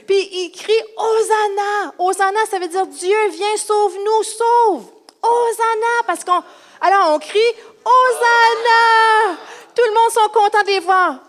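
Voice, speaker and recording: A woman's voice: very high-pitched, moderate pace, pitched above the performer's own voice. A woman doing a thrilled crowd eyewitness. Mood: excited. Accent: Quebec French. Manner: breathless, shouting to a crowd of children. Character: excited woman eyewitness in the crowd, sister of a man raised from the dead.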